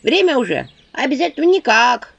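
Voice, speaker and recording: A woman's voice: sits high, big pitch swings, normal speed, vocal fry, breathy edge, dry recording, pitched above the performer's own voice, full character voice. A woman voicing a group of weary little imps who talk in a sighing, folksy way. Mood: resigned. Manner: sighing, matter-of-fact, folksy. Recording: dull audio with faint noise.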